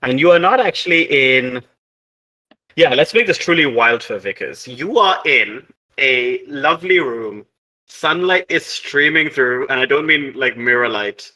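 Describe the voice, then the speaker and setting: A man runs a tabletop game as its game master. He narrates in a loose, rambling way with plenty of hesitant fillers. His tone is tense and very bright. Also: mid-range voice, animated, unhurried, low-quality recording.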